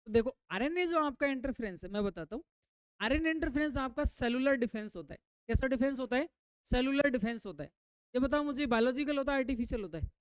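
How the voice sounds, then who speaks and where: A woman's voice: sits high, expressive, quick pace, clear, resonant tone, dry recording. A woman biology teacher giving a classroom lecture. She keeps asking her students questions and then repeats the answers herself, mixing English terms into her explanations.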